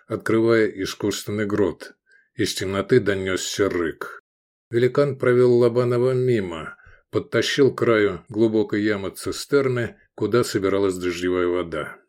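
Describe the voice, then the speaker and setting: A man reading an audiobook novel in an even, measured way. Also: fairly low pitch. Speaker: audiobook reader. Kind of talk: scripted narration.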